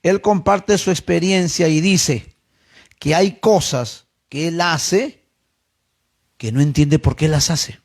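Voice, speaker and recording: A man preaching a sermon as pastor, telling a personal story and addressing his listeners as brothers, dropping low and then rising to emphatic repeated questions. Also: slow pace.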